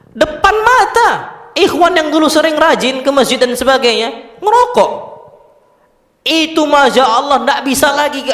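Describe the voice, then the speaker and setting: A man with an Indonesian accent giving a casual religious lecture, telling animated stories and mixing in Arabic terms. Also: very high voice. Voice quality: animated storytelling, mixes Arabic terms, laughs often. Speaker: Islamic preacher. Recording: echoey hall.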